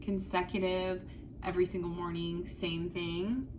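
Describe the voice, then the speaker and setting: A woman's voice: lowish voice, flat delivery, measured pace. A woman co-hosting a casual podcast chat, talking loosely and chattily with fillers and laughs. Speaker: podcast co-host. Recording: audible background noise.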